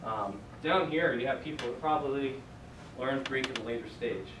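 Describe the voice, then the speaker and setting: Recorded from afar in a church meeting room, the audio is echoey and noisy as a young man lectures a Greek class. His style is casual and conversational, packed with fillers. He speaks in a mid-range voice at a moderate pace.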